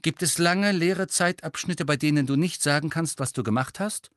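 A man voicing a blunt, fiery teenage girl who speaks forcefully. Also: on the high side, moderate pace, no room sound, studio quality, voice pushed up, close to an everyday voice.

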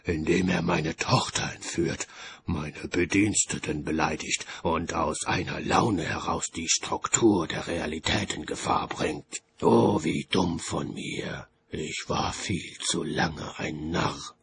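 An ancient skeletal reaper in a storybook, very deep and gravelly, slow and measured, with cold and unhurried menace. A faint hum of room ambience sits behind the voice. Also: male voice, fairly bright tone, heavily acted. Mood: cold, aggrieved. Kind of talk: audiobook character voice.

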